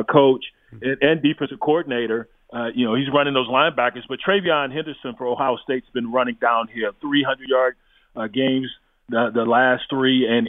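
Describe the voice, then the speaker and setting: A man's voice: medium pitch, no echo. Blunt male football analyst on a phone line. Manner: emphatic, blunt, with restarts and chuckles. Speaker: college football analyst guest. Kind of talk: opinionated sports talk radio analysis. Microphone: phone line into studio. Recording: tinny phone line, dry.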